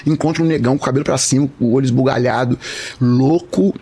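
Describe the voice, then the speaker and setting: A fast-talking, gravelly Brazilian man. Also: medium pitch. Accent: Brazilian Portuguese. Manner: lively, acts out every voice in his story. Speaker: podcast guest. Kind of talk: animated testimony storytelling.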